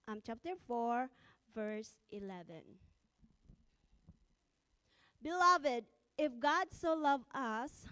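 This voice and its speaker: The woman pastor's fairly high voice sounds smooth and a bit bright. Middle-aged, Filipino-accented and a native Ilocano speaker, she preaches her sermon with nervous laughs and fervent prayer.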